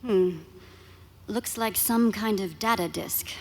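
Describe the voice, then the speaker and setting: Sardonic young princess, unhurried delivery, dry bite, live audio drama with faint noise. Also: female voice, mid-range voice, darkish tone. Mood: wry. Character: dry, sharp-tongued young rebel princess. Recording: live stage recording with background noise.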